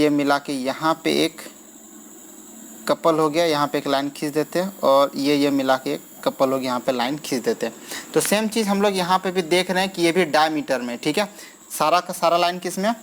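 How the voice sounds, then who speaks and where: A man's voice: fairly high pitch, slight background noise. A man teaching verse scansion in an exam-prep lesson, counting feet aloud and stretching stressed syllables, with frequent okay fillers.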